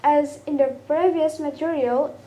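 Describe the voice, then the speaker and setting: A young woman giving a student presentation, slowly sounding out each example vowel twice. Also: high-pitched, fairly even intonation, warm tone. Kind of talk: classroom presentation.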